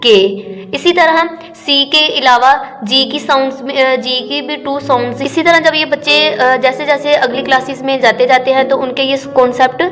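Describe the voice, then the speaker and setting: High-voiced woman teaching phonics. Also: steady tone, normal speed, long reverb tail, music in the background. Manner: asks questions and answers them herself, repeats the point. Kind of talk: classroom-style explanation.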